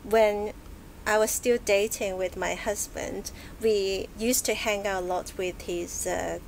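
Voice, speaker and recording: Thoughtful, soft-spoken woman from Hong Kong. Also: medium pitch, fairly even intonation, takes it slowly, gravelly, a little hiss or hum, poor audio. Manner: soft-spoken, thoughtful, with frequent hesitations and gentle laughs. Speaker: podcast guest. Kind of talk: casual interview chat. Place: bookshop, live recording.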